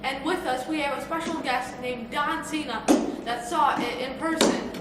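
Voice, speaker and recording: A woman's voice: sits high, moderate pace. A seventh-grade girl presenting as a parody news anchor with scripted lines. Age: young adolescent, about 12 to 13. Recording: noisy, echoey room, distant mic.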